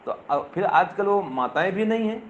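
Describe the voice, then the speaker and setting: An older swami gives a teaching sermon to a live audience, teasing listeners, addressing them directly, and firing off rhetorical questions. His voice is high-pitched with lively intonation at a normal pace. The lo-fi recording sounds dull, with faint ambience and slight background noise.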